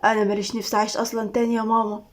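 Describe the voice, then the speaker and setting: A woman voicing a grieving young man who talks to his mother in a low, subdued, choked way. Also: fairly even intonation, fairly quick. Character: grieving young man, son, quiet and heavy.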